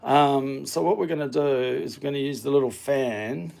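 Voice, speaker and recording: This vlogger leads viewers through his home's hallway and studio room, chatting in a rambling, hesitant, self-deprecating way. His mid-range voice is darkish with vocal fry, and he talks at a moderate pace.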